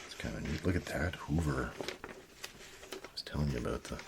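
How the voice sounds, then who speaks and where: Very deep, soft-spoken ASMR man. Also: gravelly. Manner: soft, near-whispered, musing aloud with pauses. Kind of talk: soft-spoken ASMR, rambling over an old newspaper. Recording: steady noise, paper crinkling and clicks. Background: newspaper crinkling and page turning.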